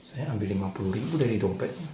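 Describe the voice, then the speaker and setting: A man's voice: on the low side, animated, fast, dark tone, pitched below the performer's own voice, close to an everyday voice. A man voicing a sad, worried young boy who hesitantly confesses a wrongdoing. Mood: confessing. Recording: roomy echo, faint noise.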